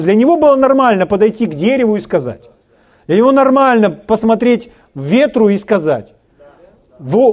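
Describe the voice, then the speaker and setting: A man preaching to a congregation, his voice sitting high with a soft, dark edge. He talks through his sermon conversationally and slips into quoted everyday speech to make his points. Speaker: pastor.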